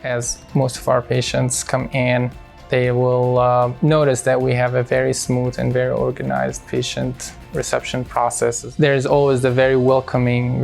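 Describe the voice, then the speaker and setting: A man from Syria, a cardiologist speaking in a hospital profile interview, measured and halting with many fillers. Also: mid-range voice, vocal fry, a little mellow.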